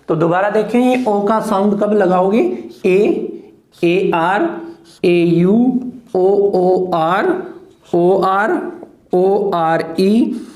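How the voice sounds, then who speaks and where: An English phonetics teacher giving a classroom lesson. The teacher breaks words into syllables, drills them slowly, and keeps checking whether the class has understood. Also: mid-range voice, a little mellow. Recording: echoey room.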